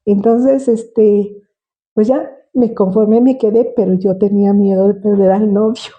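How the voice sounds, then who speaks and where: An older woman with a Mexican accent, a retired special education teacher telling her life story in an interview, reminiscing warmly with frequent laughter. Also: mid-range voice, fairly even intonation, measured pace, muffled recording. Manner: warm reminiscing, laughs often.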